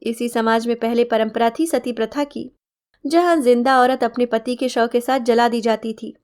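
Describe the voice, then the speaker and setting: A woman doing a gentle husband figure, earnest, persuasive, fairly high voice. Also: steady tone, normal speed, close to an everyday voice. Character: calm, gentle husband arguing against old customs.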